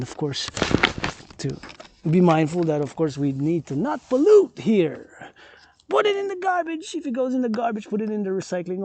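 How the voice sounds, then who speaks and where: A man with a Québécois French accent, rambling excitedly while walking outdoors and filming a vlog, mixing French and English. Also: on the high side. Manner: loose and excitable, switches between French and English. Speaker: vlogger. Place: outdoors on a mountain path.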